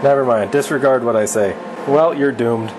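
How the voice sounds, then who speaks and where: Welding lessons for his wife unfold in a home garage workshop as this thirtysomething channel host chats in an offhand, self-deprecating way. He speaks at a moderate pace in a mid-range voice, with background noise audible.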